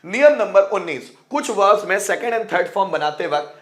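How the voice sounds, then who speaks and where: High-voiced man teaching grammar. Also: lively intonation, fairly quick. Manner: repeats words aloud and asks the class questions. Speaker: English teacher. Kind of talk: explaining grammar rules in Hindi.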